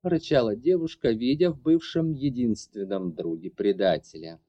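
A man narrating an audiobook in an expressive, dramatic reading. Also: mid-range voice, moderate pace, no room sound, highs cut off.

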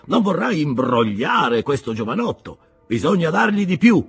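A man voicing an irascible old sea captain who blusters and shouts curses in an audiobook reading. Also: a little high, big pitch swings, moderate pace, vocal fry, slightly rough, faint music behind, voice pushed up, full character voice. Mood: indignant. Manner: shouting, explosive, cursing. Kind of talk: audiobook character voice.

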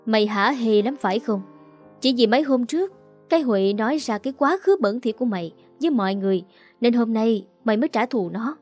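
Casting: woman playing a shrill, furious female teacher, scolding hard, warm dark voice, dry sound. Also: lively intonation, a little fast, faint music behind. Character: angry female teacher colleague accusing narrator.

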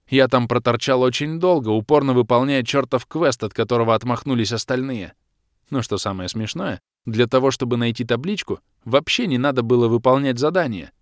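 A man's voice: mid-range voice, no echo, clean studio sound. Man narrating a first-person audiobook. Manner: blunt, defiant in dialogue.

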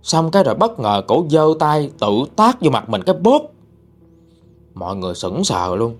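A man's voice: medium pitch, big pitch swings, normal speed, faint music behind. A man narrating a ghost story, chatty and dramatic, talking straight to his listeners.

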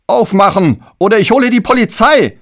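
A man voicing a flustered, indignant middle-aged homeowner who shouts in an audiobook. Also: high voice, expressive, slow, no room sound, studio quality, voice pushed up, heavily acted. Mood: outraged. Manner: agitated, shouting. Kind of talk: audiobook character voice.

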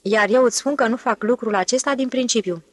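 A woman's voice: a little high, no room sound, lightly acted. A woman reading the part of a brash, bossy male con man in an audiobook, in a pushy, boisterous manner. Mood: indignant.

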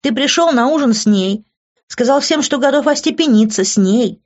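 A woman's voice: high voice, animated, normal speed, dull audio, voice pushed up. A woman reading an audiobook, voicing a heated, passionate young woman arguing with her lover in a raised, emotional voice.

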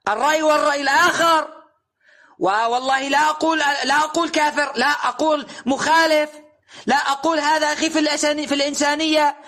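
A man delivers a recorded religious lesson. His voice sits very high for a man and rings bright and forceful. He presses his points with rhetorical questions and emphatic recitation. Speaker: preacher.

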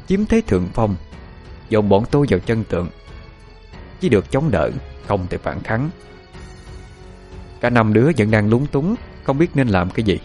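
A man narrates a horror tale in a low voice with a southern Vietnamese accent. The reading is scripted and dramatic, set over quiet music. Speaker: storyteller. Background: faint music.

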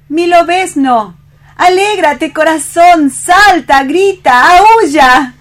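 A woman's voice: high voice, exaggerated voice. A woman reading the part of a playful, affectionate young woman in love in a radio play, with a Spanish accent from Spain and a lilting, teasing delivery. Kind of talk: read radio theatre.

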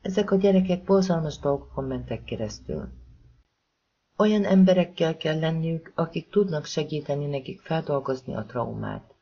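An audiobook narrator voicing a gentle, weary young woman who speaks softly and tenderly. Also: mid-range voice, lively intonation. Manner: soft, motherly, tender. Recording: slightly dull lo-fi recording.

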